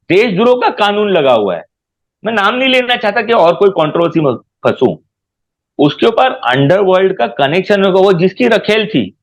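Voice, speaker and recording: A man, a guest in an interview, ranting indignantly in heated talk. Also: high-pitched.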